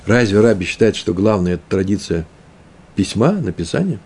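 Man with a lively voice teaching Talmud. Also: fairly low pitch, husky. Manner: thinks aloud, often repeats and slows on Hebrew terms. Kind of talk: explaining a text aloud.

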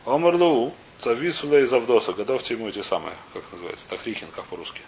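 A man's voice: mid-range voice, very animated. Male teacher for an informal text lesson, reads then explains, gropes for words, poses questions; slightly noisy, hissy recording. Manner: halting, searching for words, questioning himself. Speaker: teacher of a Talmud class. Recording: clear background hiss and noise.

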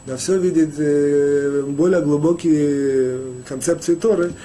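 A rabbi teaches a Torah lesson in a mellow, dark voice pitched slightly above average, with fairly even intonation. He speaks haltingly, restarting words and filling gaps with "э," over a faint background hiss. His first language is Russian, though he rarely uses it day to day.

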